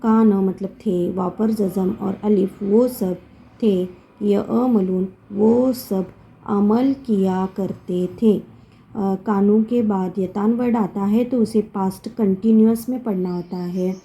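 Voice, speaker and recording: Slow methodical woman teaching Quran words. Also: medium pitch, steady tone, warm tone, poor audio. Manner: slow, methodical, repeats each word and its meaning. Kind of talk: word-by-word Quran translation lesson.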